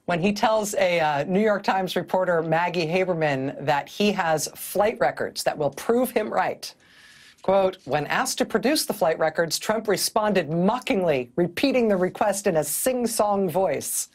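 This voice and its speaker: A woman's voice: fairly low pitch, animated, unhurried. A middle-aged woman hosting a televised news commentary, speaking in a wry, sardonic way on a studio mic. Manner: wry, sardonic, often laughing mid-sentence.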